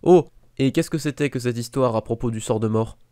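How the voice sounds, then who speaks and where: A man voicing a clever, intense eleven-year-old boy wizard who talks in an earnest, quick way, read in a fan audiobook. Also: mid-range voice, warm tone, clear, resonant tone, natural voice. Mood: wry.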